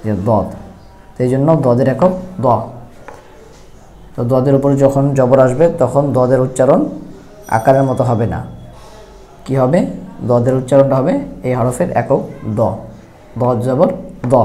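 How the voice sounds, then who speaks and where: A man's voice: medium pitch, warm tone, a little hiss or hum. A man teaching Quran reading, spelling each letter and vowel mark aloud one at a time and then joining them into whole words. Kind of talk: slow spelled-out recitation lesson.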